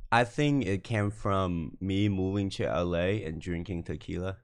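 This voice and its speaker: A man's voice: sits low, unhurried. A young man from Vietnam with a Vietnamese accent and broken English, chatting loosely as a podcast guest and telling stories. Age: young adult. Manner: loose and storytelling, broken English, laughs often. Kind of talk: casual chat.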